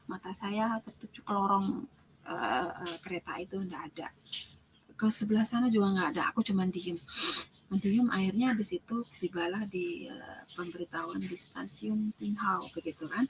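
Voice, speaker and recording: A young woman recounts her personal testimony in an animated, storytelling way. She acts out the voices of the people in her story and sometimes falls to a near-whisper. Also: mid-range voice, highs cut off, slight background noise. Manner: animated storytelling, acting out quoted dialogue, drops to whispers. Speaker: testimony giver.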